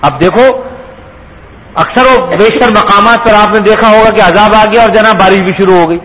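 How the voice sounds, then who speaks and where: A man's voice: high-pitched, a bit bright, slight background noise, rough recording. A man giving a sermon, explaining patiently and asking his listeners rhetorical questions. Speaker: Islamic preacher.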